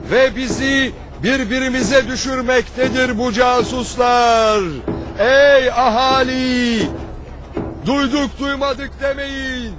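An actor playing a town crier in a historical drama, making loud, drawn-out, solemn public proclamations. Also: male voice, very high voice. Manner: loud, drawn-out declamatory calls. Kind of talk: dubbed historical drama acting. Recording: noisy recording with street ambience.

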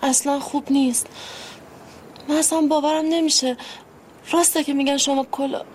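A woman's voice: high-pitched, steady tone, slight background noise, natural voice. An actress playing a distressed, reproachful daughter confronting her father in a comedy-drama series. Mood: upset. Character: upset teenage daughter.

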